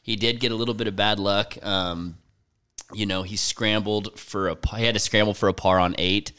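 Low-voiced man recapping golf. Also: steady tone, moderate pace, bright, forceful tone, clear, resonant tone. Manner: wry, laid-back recap with jokes. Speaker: podcast co-host. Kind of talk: casual golf chat.

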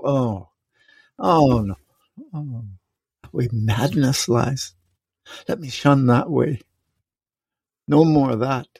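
A man reading the part of an old king in a storm, declaiming the verse slowly with heavy pauses. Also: mid-range voice, darkish tone, dry recording. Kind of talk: reading a play aloud.

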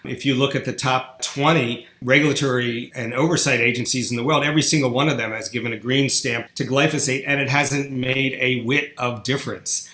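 Interview guest, male, blunt and argumentative, bright tone, roomy echo. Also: mid-range voice, steady tone, fairly quick, hardly any pauses. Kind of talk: interview answers. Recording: echoey room.

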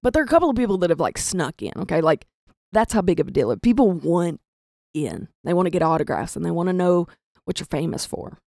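Speaking fast in a fairly low, sing-song voice that's creaky and a little mellow, this young Southern comedian from the rural US pokes fun at herself as she tells a comic story. She voices each character herself, and the studio-quality audio has no room sound.

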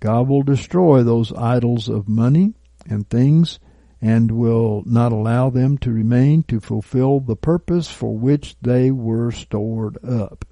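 A man preaching a sermon, deliberate and measured, reading scripture aloud and dropping to quiet asides. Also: medium pitch, dry recording. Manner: reads scripture and prophecy aloud. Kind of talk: recorded sermon teaching.

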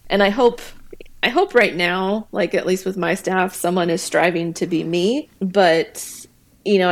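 A woman with a lowish voice tells her story as a podcast guest, candid and quick to laugh. She acts out her own past remarks as she goes. She sounds late thirties to forties. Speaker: guest, veterinary technician and ER manager. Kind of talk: conversational podcast interview.

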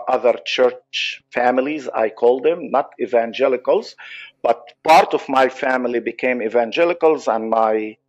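Palestinian-accented guy on a podcast, earnest, stops and restarts a lot, muffled lo-fi audio. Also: mid-range voice. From Israel. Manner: earnest, halting, many restarts. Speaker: psychologist guest. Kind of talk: podcast interview.

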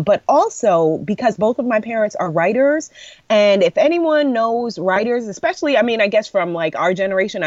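A woman's voice: medium pitch, dry recording, highs cut off. A woman in her thirties from New York, a podcast guest telling stories in a casual conversation, laughing easily and often saying "you know". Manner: warm storytelling with frequent laughs and "you know".

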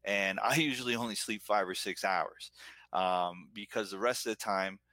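His voice is on the low side, pushed and bright, and delivered at a moderate pace in a dry recording. The speaker, a middle-aged American entrepreneur and business owner from Florida, is a guest talking earnestly and at length about himself in casual personal reflection.

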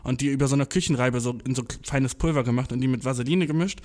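With a medium-pitched voice and a rapid delivery, a young man spins a casual tale packed with slang, curse words, and English terms. He gets worked up, pokes fun at himself, and keeps stumbling over what he's saying.

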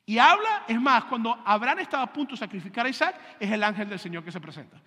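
Brief: male preacher, high and bright, teaching a sermon with call-and-repeat, long church hall reverb. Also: expressive, fast, breathy edge. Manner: has the congregation repeat terms and checks they follow. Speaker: pastor.

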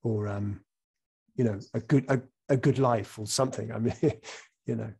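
Husky man musing haltingly. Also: medium pitch, fairly even intonation, darkish tone. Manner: thoughtful, halting, with many fillers and restarts. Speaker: interviewer. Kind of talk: conversational interview.

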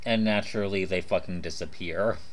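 A low-pitched man talks briskly as co-host of a casual podcast, chatting informally and swearing freely. Half his mouth is numb from a dentist visit.

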